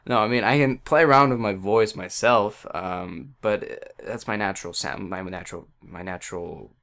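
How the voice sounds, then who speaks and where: A man with a fairly low, gravelly, slightly bright voice explains audio settings into his headset at a moderate pace. Sitting at his computer against an indoor wall, he rambles casually, full of fillers, false starts and self-deprecating hesitation.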